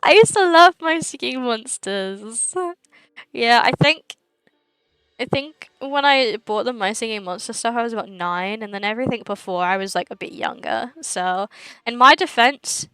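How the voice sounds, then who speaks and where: A woman's voice: a little high, animated, moderate pace, a bit bright, clean tone, dry recording, poor audio. A young woman livestreaming and chatting casually with viewers, giggly and rambling, often laughing mid-sentence.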